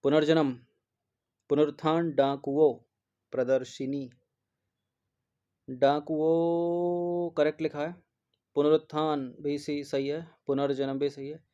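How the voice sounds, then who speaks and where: Guy going through hindi spelling answers, says each word over and over, kinda high but mellow voice, muffled recording. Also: flat delivery, moderate pace. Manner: repeats each word over and over and checks in with a constant "theek hai". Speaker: exam prep teacher. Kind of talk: spelling lesson, explaining answers. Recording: dull lo-fi recording.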